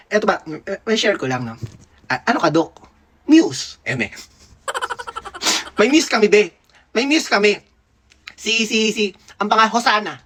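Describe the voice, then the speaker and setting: A man's voice: sits high, a bit bright. A man in his thirties from the Philippines, a dentist telling a school memory in casual, playful, gossipy storytelling. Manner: gossipy, playful, laughs often. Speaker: dentist vlogger.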